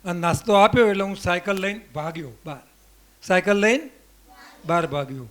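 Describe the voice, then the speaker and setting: A high-pitched man with a Gujarati accent teaches a group of children. He leads a memory exercise, asking questions and repeating them to coax the class along. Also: a little fast, a bit bright. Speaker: camp teacher. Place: indoor camp hall with children.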